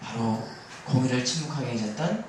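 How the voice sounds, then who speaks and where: Preaching at an afternoon church service, a man drives home his sermon with rhetorical questions and calls for amen. His mid-range voice is lively and a little fast, captured from a distant mic in a very echoey sanctuary with background noise.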